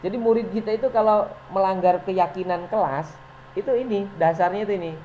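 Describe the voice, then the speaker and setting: His voice sits high but has a dark tone, with fairly even intonation and a slightly fast pace. This male teacher gives a casual, hesitant presentation to colleagues, filled with fillers and chuckles, captured on dull lo-fi audio with faint noise.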